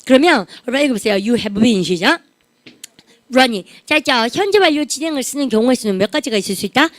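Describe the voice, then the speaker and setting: A woman teaching English grammar in a lively classroom lecture, often prompting the class to repeat phrases aloud. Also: a little high, a little fast, no echo. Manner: refers to herself as 쌤 (teacher). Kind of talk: classroom grammar lecture with call-and-response drills.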